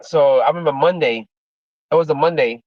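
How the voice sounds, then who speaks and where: Speaking in a fairly high, brisk voice, a fifties-aged ex-MMA fighter from Miami, Florida, USA rambles casually to his livestream viewers. He repeats himself and leans heavily on "man" and "you know," and the lo-fi recording carries no room sound.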